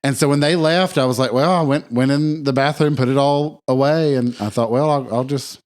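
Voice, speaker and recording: A man's voice: medium pitch, a little fast, darkish tone. A man co-hosting a podcast in casual chat, talking hesitantly and repeating words as he searches for them. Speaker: podcast co-host.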